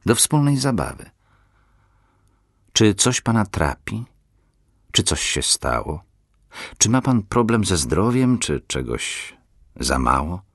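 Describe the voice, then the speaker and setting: A man's voice: low-pitched, no room sound, clean studio sound, full character voice. A man voicing a friendly, concerned male fellow traveler who asks earnest questions. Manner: earnest, questioning, rising to surprised exclamations.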